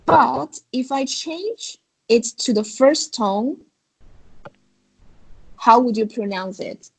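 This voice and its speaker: On a rough recording, a woman with a fairly high, expressive voice speaks slowly in a gravelly, husky tone. She is giving a beginner Chinese lesson over a video call. Patient and coaxing, she leads her student along with questions.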